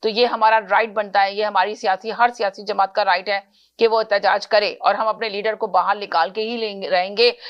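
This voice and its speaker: A woman's voice: mid-range voice, highs cut off. A woman hosting a political call-in talk show, earnest and questioning, often correcting herself mid-phrase.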